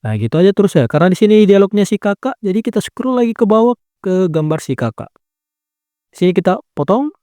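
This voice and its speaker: This video editing tutor's voice sits high and brisk, captured as clean studio sound without echo. He calmly guides viewers through editing a video on a phone in a step-by-step screen tutorial, often dropping a "nah" as he fixes his own mistakes.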